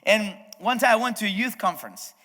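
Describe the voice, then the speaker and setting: Speaking fairly quickly in a high, pushed, bright voice, a male pastor whose native tongue is Spanish delivers a conversational sermon. He addresses the congregation head-on and keeps restarting his sentences, all captured in a reverberant church hall.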